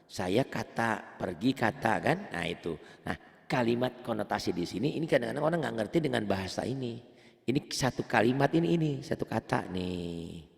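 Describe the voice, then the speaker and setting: A man's voice: medium pitch, animated, normal speed, creaky, in a large hall. A man teaching Quran recitation rules one-on-one, patiently repeating points and quizzing his student. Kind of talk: one-on-one tajwid lesson.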